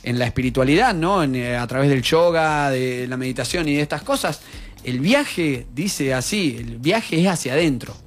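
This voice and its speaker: A man's voice: medium pitch, lively intonation, normal speed. A man with an Argentine accent hosting a casual conversation, rambling with many fillers and restarts. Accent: Argentine Spanish. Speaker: host.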